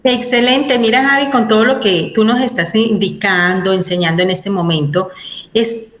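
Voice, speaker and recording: A woman's voice: mid-range voice, normal speed, fairly bright tone. Affirming woman host, echoey room. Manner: affirming, short agreeing replies. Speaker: interviewer, host. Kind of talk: interview backchannel and praise.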